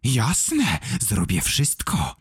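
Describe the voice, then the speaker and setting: A man voicing a sly, greedy male vampire in a children's audiobook, speaking in a low, hissing, pleading whisper. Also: wildly swooping pitch, drawn-out words, husky, no echo, heavily acted. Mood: wheedling.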